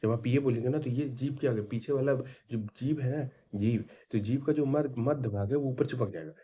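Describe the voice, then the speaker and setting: A man's voice: medium pitch, normal speed, warm tone, slightly rough, lo-fi sound. A man teaching a grammar lesson, who sounds out vowels aloud and asks and answers his own questions.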